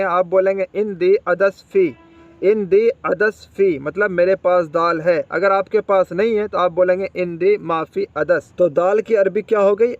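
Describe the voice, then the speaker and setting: High-voiced man drilling Arabic words. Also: dry recording, highs cut off. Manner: repeats each word and drills with questions. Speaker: Arabic teacher. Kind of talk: spoken vocabulary lesson.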